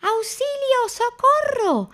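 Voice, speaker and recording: A woman voicing a tiny timid male piglet with shrill, stammering, panicky cries in a storybook reading. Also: animated, slow pace, fairly bright tone, heavily acted. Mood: panicked.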